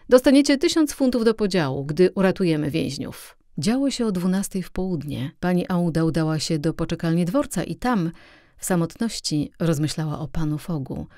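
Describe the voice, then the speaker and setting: A woman reads a classic adventure novel aloud as an audiobook, telling it steadily and with expression. Her voice sits fairly low and sounds mellow. The recording is close and dry. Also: no room sound. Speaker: audiobook reader. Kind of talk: audiobook narration.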